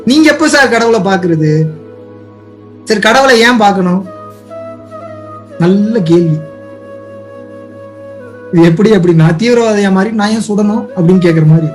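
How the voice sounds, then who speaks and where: A man with a very high voice gives a spiritual talk, pressing listeners with one rhetorical question after another. He swings from loud, pleading urging to soft asides. Faint music plays behind him. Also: moderate pace, long pauses. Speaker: spiritual teacher. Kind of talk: impassioned spiritual talk to viewers.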